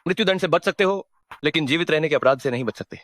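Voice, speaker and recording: A man dubbing a young hidden war god who acts like a fool. His voice sits fairly high, and he talks very quickly. He switches between icy threats and silly, childlike chatter. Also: fairly bright tone, a little hiss or hum, lightly acted. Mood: cold, menacing. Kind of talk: Hindi dub of a drama.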